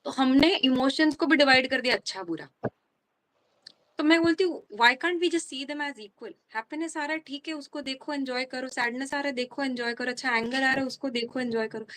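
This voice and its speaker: A woman, talking earnestly in a casual chat, giving slow, deliberate advice in a mix of Hindi and English. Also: sits high, a bit bright, low-quality recording. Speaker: guest speaker on spirituality.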